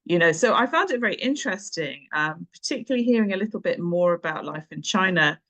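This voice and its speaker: Her pitch fairly low and her intonation lively, this fast-talking woman in her fifties recalls her career in English teaching and tutoring during an interview. She comes from Nairobi, Kenya, attended boarding school in England, and speaks conversationally with hesitant phrasing, emphatic words, and a slightly bright tone.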